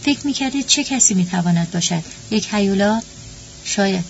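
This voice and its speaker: A woman's voice: mid-range voice, animated, gravelly. A woman voicing a frightened woman alone in an office at night, speaking tensely. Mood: shaken. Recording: dull lo-fi with faint hum.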